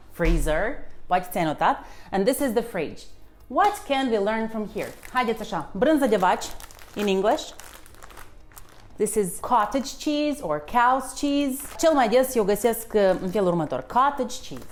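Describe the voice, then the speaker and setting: A woman's voice: fairly high pitch, slight background noise. A woman teaching English words in a playful, casual way in her home kitchen. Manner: lively, playful, switches between two languages. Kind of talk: casual bilingual lesson.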